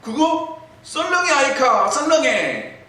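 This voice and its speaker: A pastor voicing a blunt, short-tempered husband who speaks in a Gyeongsang accent. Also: male voice, very high voice, sing-song, takes it slowly, pitched above the performer's own voice, full character voice. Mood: curt. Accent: Gyeongsang dialect. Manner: blunt, curt, yelling. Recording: echoey hall, distant mic, faint noise.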